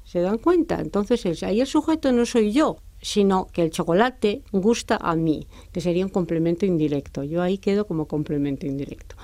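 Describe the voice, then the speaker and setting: A woman teaches, patient and didactic, drawing out each example word slowly so it can be copied. Her voice is mellow and soft. The sound is close and dry, as in a quiet studio. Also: lowish voice, dry recording. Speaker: French teacher. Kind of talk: explaining French pronunciation and grammar in Spanish.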